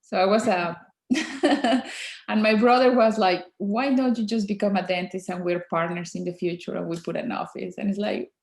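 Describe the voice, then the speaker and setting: A woman in her forties from Mexico with a Mexican Spanish accent, a native Spanish speaker, answering interview questions as a guest dentist in a soft, halting way with many fillers. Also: medium pitch, fairly even intonation, vocal fry, echoey room.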